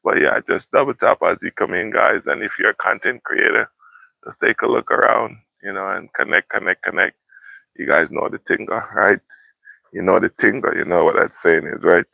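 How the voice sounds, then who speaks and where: Unhurried man with deep creaky voice, livestreaming. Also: no room sound. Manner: unhurried, repeats welcomes and phrases. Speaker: livestream host. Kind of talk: casual livestream chat, greeting viewers. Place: outdoors in a yard in the morning. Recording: tinny phone-like sound.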